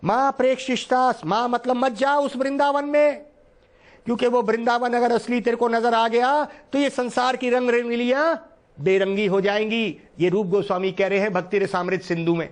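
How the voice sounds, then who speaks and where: High-voiced man giving a devotional talk. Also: fairly even intonation, normal speed. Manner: recites verse then explains it line by line, earnest and pleading. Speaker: spiritual teacher. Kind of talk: devotional discourse explaining Sanskrit verse.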